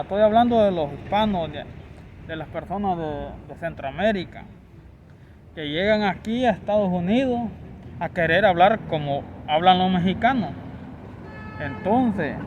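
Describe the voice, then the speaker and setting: A man's voice: sits high, a little hiss or hum, rough recording. Insistent Honduran man ranting by a street. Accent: Honduran Spanish. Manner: insistent, repetitive, lecturing. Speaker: vlogger. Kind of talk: opinion rant to camera.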